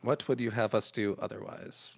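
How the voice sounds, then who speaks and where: A man's voice: lowish voice, moderate pace, gravelly. A man narrating a tabletop fantasy game as game master.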